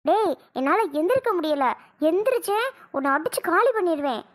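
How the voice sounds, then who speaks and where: For a cartoon, a woman voices an injured young wife who is furious and scolds sharply. The delivery is very animated at normal speed, angry, shrill, and exasperated.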